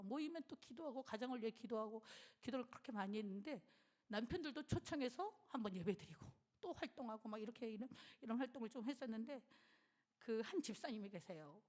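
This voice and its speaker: A middle-aged woman pastor giving a sermon in a church, telling a personal story with emotion and acting out what others said. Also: a little high. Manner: animated, emotional storytelling, acts out quoted voices. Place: church sanctuary.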